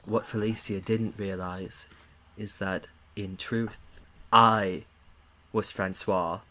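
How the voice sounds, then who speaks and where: A smug Satan passing himself off as a Frenchman, as a podcast host puts him on. He speaks in a vague European accent, slow and low with theatrical relish, and his voice sounds bright and edgy. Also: fairly even intonation. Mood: gloating. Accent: vague European put-on accent.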